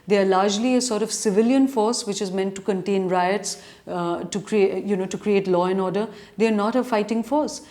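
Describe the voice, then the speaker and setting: A woman's voice: mid-range voice, brisk, hardly any pauses, darkish tone. A woman with an educated urban Indian accent, speaking as a journalist answering reader questions, earnest and argumentative in long, considered sentences. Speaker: journalist and editorial commentator. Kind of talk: answering reader questions in spoken editorial commentary.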